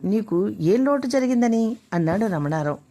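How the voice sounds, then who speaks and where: A woman voicing a gentle middle-aged father and husband who speaks in a soothing, patient way. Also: mid-range voice, lively intonation, normal speed.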